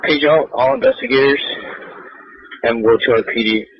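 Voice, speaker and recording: A man's voice: medium pitch, normal speed, breathy edge, dry recording. A man speaking as a police officer at a scene, giving clipped, businesslike calls over a walkie-talkie. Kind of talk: terse police radio calls. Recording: archival lo-fi police radio.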